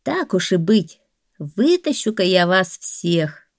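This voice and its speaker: A woman's voice: fairly low pitch, very animated, takes it slowly, dry recording, clean studio sound, exaggerated voice. A woman as a doubtful woodcutter. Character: doubtful, good-humored male woodcutter.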